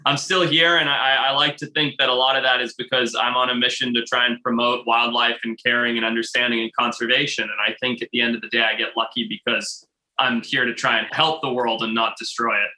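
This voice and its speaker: A man from Zimbabwe, a wildlife biologist, telling stories in an interview with animated energy and frequent laughs. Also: mid-range voice, brisk, roomy sound, rough recording. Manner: animated storytelling, laughs often. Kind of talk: interview conversation.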